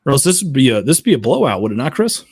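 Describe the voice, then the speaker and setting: A man's voice: mid-range voice, sing-song, rapid-fire, a little mellow, husky, dry recording, studio quality. A man co-hosting a live college football reaction show, reading out scores and viewer comments as he argues. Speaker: co-host.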